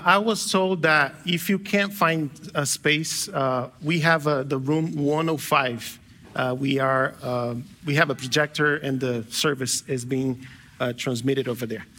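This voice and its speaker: A Brazilian guest pastor preaches in a church sanctuary before a live congregation, his voice a little high, bright, and forceful, with a little hiss or hum. His delivery is loose and conversational, with frequent self-corrections, restarted phrases, and light jokes.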